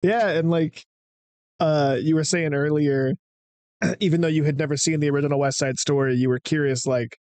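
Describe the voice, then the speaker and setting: Male co-host, slightly high voice, dry close recording, skeptical and halting. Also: fairly even intonation, a little mellow, dry recording. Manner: skeptical, searching for words. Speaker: podcast co-host. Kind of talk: casual chat.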